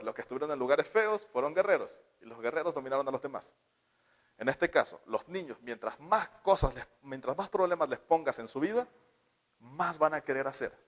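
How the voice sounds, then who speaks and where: A man giving a live talk to parents about child development, often asking them questions and acting out short quoted scenes. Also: mid-range voice. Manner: asks the audience questions and acts out little quoted scenes.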